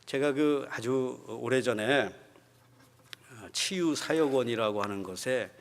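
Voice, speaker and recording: A man preaching a sermon as pastor, moving between quiet storytelling and loud, fervent exhortation. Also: medium pitch, slow pace. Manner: swings from quiet talk to loud, shouting exhortation. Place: church sanctuary. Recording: long church hall reverb.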